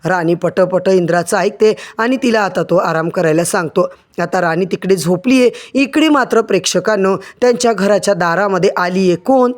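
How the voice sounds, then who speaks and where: A man narrating a recap of a TV serial in a casual storytelling way, addressing the viewers directly. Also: sits high.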